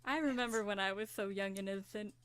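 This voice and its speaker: A woman's voice: mid-range voice, fast, clear, resonant tone, no room sound, lightly acted. A woman reading a brash, theatrical young man. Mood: dramatic. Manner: theatrical, loud outbursts. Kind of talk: amateur fan fiction reading.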